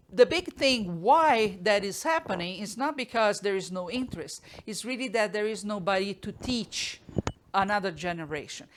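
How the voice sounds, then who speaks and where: A woman's voice: medium pitch, a little hiss or hum. Woman, art course host, live online talk, thoughtful, restarts often, home desk mic. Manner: thoughtful, frequent restarts and fillers.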